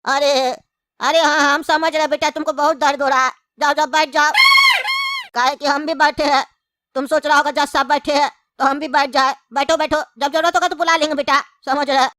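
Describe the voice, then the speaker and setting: A woman's voice: high-pitched, steady tone, fairly quick, a bit bright. A woman voicing a bossy male judge in a comedy skit who scolds and mocks the accused. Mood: scolding. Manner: scolding, mocking, threatening.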